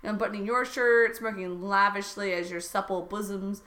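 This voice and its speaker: A woman's voice: mid-range voice, fairly even intonation, a little fast, pushed and bright. A woman podcast co-host reading fan fiction aloud in a mock-dramatic way, often breaking into laughter. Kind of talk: comedic dramatic reading with banter.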